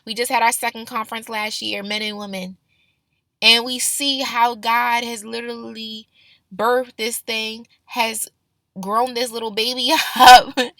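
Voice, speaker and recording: Woman, forceful higher voice, close dry sound; upbeat youth-pastor exhortation, informal personal testimony straight to the listener. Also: no echo. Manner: informal, direct address to listeners. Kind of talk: personal faith testimony to camera.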